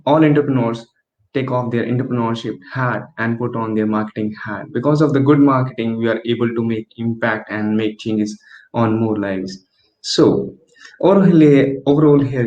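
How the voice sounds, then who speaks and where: A man hosting an interview show, earnest and halting, often restarting his sentences. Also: mid-range voice, darkish tone. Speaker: host. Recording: dull echoey lo-fi sound.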